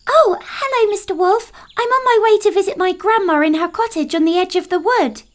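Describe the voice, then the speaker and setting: A woman's voice: very high-pitched, brisk, voice pushed up. A woman voicing an innocent, polite and clever little girl, sweet and earnest, in a children's fairytale. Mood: cheerful. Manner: sweet, bright-eyed, earnest. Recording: music under the voice.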